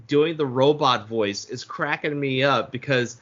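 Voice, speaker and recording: A man's voice: medium pitch, unhurried, fairly bright tone. A man co-hosting a podcast, chatting casually about a movie with loose, profane talk and many restarts. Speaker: podcast co-host. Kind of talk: casual movie review chat. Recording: dull lo-fi podcast audio.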